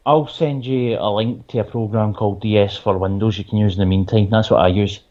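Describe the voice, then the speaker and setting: A man's voice: lowish voice, steady tone, fairly quick, a little mellow, muffled recording. A man with a Glaswegian accent co-hosting a podcast in casual, dry, matter-of-fact chat with some swearing. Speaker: podcast co-host. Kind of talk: casual chat about wrestling and gaming.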